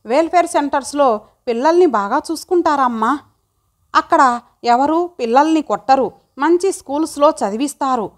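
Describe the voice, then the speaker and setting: A woman voicing a gentle grandmother who soothes a crying grandson in an audiobook. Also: high-pitched, expressive, moderate pace. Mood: consoling. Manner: soothing, coaxing.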